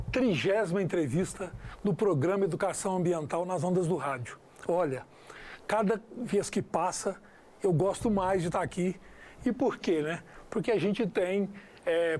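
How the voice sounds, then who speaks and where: A man from Brazil hosts a local radio interview, and his voice sits notably high. He talks with eager warmth for his guests and trips over his own wording, then restarts. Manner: chatty, enthusiastic, restarts his phrases. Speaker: radio show host.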